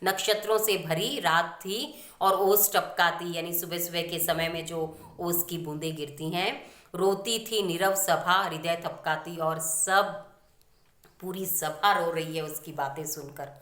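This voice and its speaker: A woman's voice: lowish voice, steady tone, a little slow, fairly bright tone. A woman teacher explaining a poem line by line, restating each verse in plain everyday words. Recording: echoey room.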